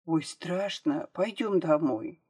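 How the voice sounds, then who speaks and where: A woman voicing a timid, thoughtful little girl in an audiobook, speaking softly and wistfully. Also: low-pitched, fairly even intonation, measured pace, no room sound, clean studio sound. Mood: scared. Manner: soft, wistful.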